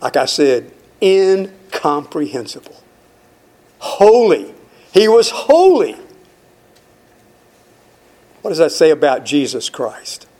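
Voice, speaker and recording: Male preacher, unhurried sermon delivery, higher-pitched, rhetorical questions to the congregation. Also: sing-song, mellow. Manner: slow, emphatic preaching with repeated refrains; asks the audience questions.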